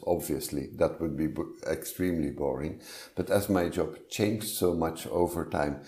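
Middle-aged flemish guy, really deep voice, measured and hesitant, lots of uhs, podcast guest. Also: darkish tone, echoey room. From Flanders, Belgium. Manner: measured, hesitant with many fillers. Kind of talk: casual interview talk.

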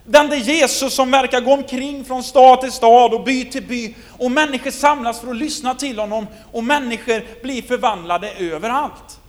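Man, preacher, sermon, rhetorical questions, swinging loudness, very high pitch. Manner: asks the listeners many rhetorical questions, loudness swings widely. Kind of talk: sermon retelling a scripture story.

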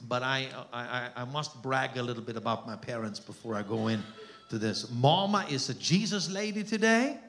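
His voice sits in the mid-range, expressive and a bit bright, moving at a moderate pace. A middle-aged man with an Austrian German accent, he preaches a sermon as a guest missionary in a church hall, joking and calling out to the crowd.

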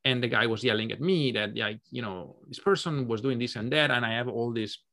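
A man co-hosting a podcast who speaks in a thoughtful, unhurried way. He hesitates often and restarts his sentences as he works through a personal story, and his voice sits at an ordinary middle pitch. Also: sharp tone. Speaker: podcast co-host. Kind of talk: reflective podcast chat.

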